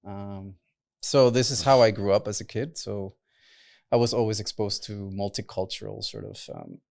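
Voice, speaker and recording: Lowish, creaky and darkish, this young man's voice stays steady at normal speed. Raised between Mexico and the US with Spanish as his first language, he rambles as a podcast guest, dropping "like" and "right?" constantly.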